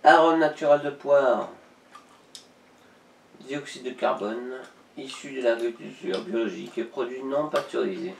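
A man's voice: medium pitch, a little slow, creaky. A young man speaking behind glass in a casual tasting vlog, reading an ingredient label aloud. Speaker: vlogger tasting drinks. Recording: roomy sound from far off, faint noise.

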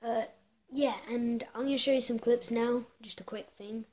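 A young female vlogger with a hoarse voice rambles through a casual story, full of "like" and "uh". Her voice sits fairly high for a woman. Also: steady tone, normal speed. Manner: chatty, rambling with many fillers. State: hoarse, lost voice. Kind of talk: casual vlog chat.

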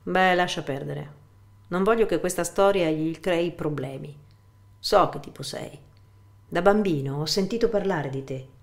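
A bitter, suspicious grown son, read by a woman in a low, even voice, sharp and accusing in an audiobook. The questions come pointed and hard. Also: a little slow.

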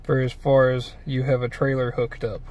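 Guy rambling folksy about his truck, phone cam, mid pitch. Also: little pitch movement, moderate pace, darkish tone, a little hiss or hum. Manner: rambling, folksy, with fillers and restarts. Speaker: vlogger reviewing truck accessories. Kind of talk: casual walkthrough vlog. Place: inside a pickup truck and outdoors by a trailer.

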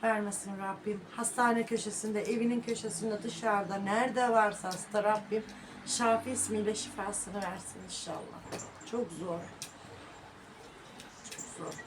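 A woman's voice: medium pitch, steady tone, unhurried, background noise. A middle-aged woman vlogging at home, talking to her viewers in a sorrowful, prayerful way and sometimes calling sharply to her dog. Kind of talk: casual home vlog talk to viewers.

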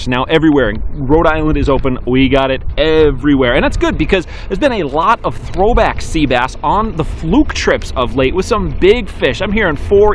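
A man's voice: fairly high pitch, slight background noise. Upbeat man giving a fishing report. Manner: brisk, upbeat delivery with fillers. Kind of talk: weekly fishing report to camera. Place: outdoors on a dock by a harbor.

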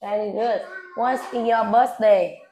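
A woman English teacher with a Vietnamese accent, giving an oral speaking test in a classroom with brisk short prompts and corrections. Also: a little high, steady tone, mellow, a little hiss or hum. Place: classroom, off camera.

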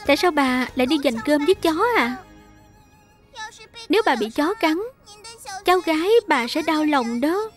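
A kind little girl pleads softly and earnestly, read by a woman in a voice-over dub. The voice sits high and light. Her tone stays gentle from line to line. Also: lively intonation, normal speed, pauses often, soft background music. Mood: pleading. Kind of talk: Vietnamese voice-over dubbing.

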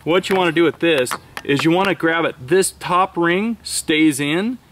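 Casual vlog host, man, quick and lively demo voice, slightly high, light background noise. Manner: animated, explanatory, quick-talking. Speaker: host demonstrating crayfish shelling. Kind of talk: casual cooking demonstration.

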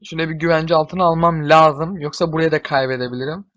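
A young man giving casual gameplay commentary, excitable, often swearing and shouting at his units. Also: a little high, fast talker. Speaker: gamer.

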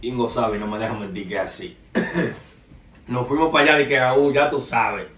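Speaking at a moderate pace with medium pitch and a slightly bright tone, a young man from the Dominican Republic runs a laid-back gossip podcast, riffing on entertainment news in slangy, loose storytelling. He addresses his audience as "señores" in a Dominican Spanish accent. Seated on a sofa in a small living room, he's recorded by a distant camera with no visible mic, leaving a roomy echo and faint background noise.

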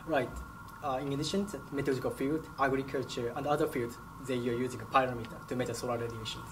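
A man's voice: medium pitch, fairly even intonation, fast. A young man whose first language is Japanese, answering interview questions in a lab with brief, careful phrasing. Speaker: product specialist. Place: company lab, indoors. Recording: lab background noise.

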